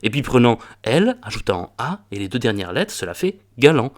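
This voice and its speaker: Un homme prend la voix d'un docteur de farce vaniteux qui pérore et fait la leçon, en parlant plus haut et plus fort que dans sa lecture ordinaire. Sa voix est très mobile, elle grimpe et redescend avec emphase. C'est une lecture de théâtre comique, pleine d'une solennité pompeuse. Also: male voice, mid-range voice, very animated, normal speed, lightly acted. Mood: pompous. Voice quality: declaiming, lecturing, self-important. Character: pompous arrogant learned doctor, male, middle-aged. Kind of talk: reading a classic farce aloud.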